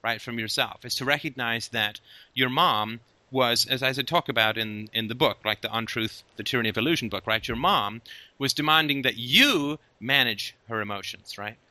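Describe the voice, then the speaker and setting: Bright-voiced man talking emphatically. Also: mid-range voice, moderate pace, no room sound. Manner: emphatic, keeps checking in with "right?". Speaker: host. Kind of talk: casual philosophical conversation.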